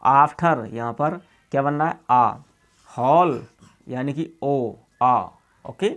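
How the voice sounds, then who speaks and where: A man teaching English in a casual, classroom-style way, slowly spelling out letters and repeating each example word. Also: mid-range voice, a bit bright. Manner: colloquial, repeats checks like "okay" and "see here".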